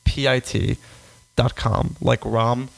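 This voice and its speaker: Brief: young male podcast co-host, mid-pitched voice, loose profane storyteller. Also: fairly even intonation, slow, vocal fry. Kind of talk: casual chat.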